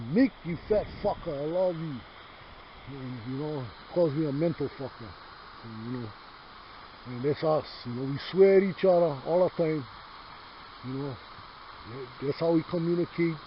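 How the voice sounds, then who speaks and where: A man's voice: a little high, moderate pace. Rambling Hawaiian Pidgin man, lo-fi. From Big Island, Hawaii. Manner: rambling, swears freely, keeps calling the listener brother. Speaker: host. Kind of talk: casual chat. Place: home yard outdoors. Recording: dull lo-fi sound with faint noise.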